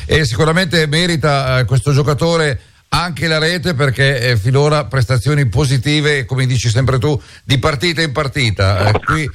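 A man's voice: mid-range voice, normal speed, fairly bright tone, no echo, clean studio sound. A man with an Italian accent discussing a football match as a radio co-commentator, unscripted and somewhat hesitant, repeating short words of approval.

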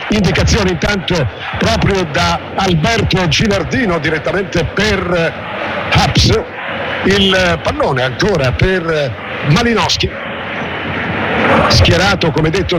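An Italian man giving live radio play-by-play of a football match in flowing, formal descriptive phrases. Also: high voice. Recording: loud stadium noise behind. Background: loud stadium ambience.

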